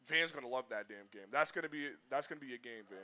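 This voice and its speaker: Brief: man for a stream co-host, rambling and animated, crisp bright tone. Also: medium pitch, fast talker. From Boston, US. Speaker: livestream co-host. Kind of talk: casual chat.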